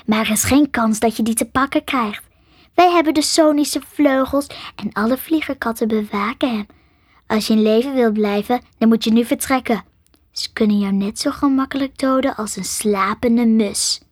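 A woman's voice: a little high, normal speed, no echo, studio quality, lightly acted. A woman voicing a mysterious, menacing cat-like creature in a hissing whisper, reading a storybook aloud. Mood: threatening.

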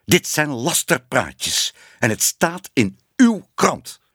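A man reading a storybook and voicing a pompous rich man who shouts with a trembling voice. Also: fairly high pitch, big pitch swings, extremely slow, slightly rough, no room sound, clean studio sound, pitched above the performer's own voice, heavily acted. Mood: furious.

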